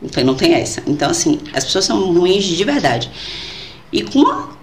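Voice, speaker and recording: Animated woman telling her story, roomy sound. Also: lowish voice, a little fast, a little hiss or hum. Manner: animated and expressive, acts out quoted voices. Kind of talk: casual conversation, personal storytelling. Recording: roomy echo.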